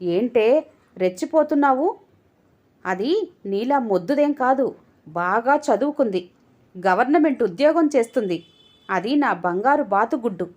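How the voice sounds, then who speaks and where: A woman voicing a scornful, arrogant drunken husband in a storybook tale, talking with a sneer and shouting at his wife. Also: fairly high pitch, lively intonation, a little slow, long pauses.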